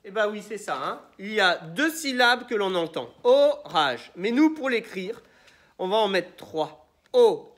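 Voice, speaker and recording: A man's voice: high-pitched, animated, moderate pace, pushed and bright. A man teaching young children in a classroom, patiently sounding out words syllable by syllable. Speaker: primary school teacher. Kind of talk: classroom phonics lesson. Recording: echoey room.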